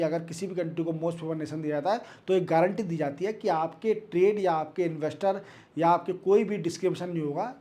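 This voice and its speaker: A man's voice: fairly high pitch, dark tone. Emphatic man teaching current affairs. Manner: emphatic, checks understanding with repeated questions; mixes Hindi with English words and phrases. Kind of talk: exam-prep lecture.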